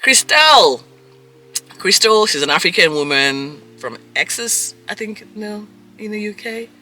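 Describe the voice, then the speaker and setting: A man talks through a dating show episode in a loose, gossipy recap, his voice swooping up and down with big, expressive pitch swings. The tone is sharp and very bright, sitting slightly high for a man, and he throws himself into acting out the reactions he describes. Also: normal speed. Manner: animated, gossipy, acts out quoted reactions. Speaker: reality TV recap vlogger. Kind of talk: casual episode recap commentary.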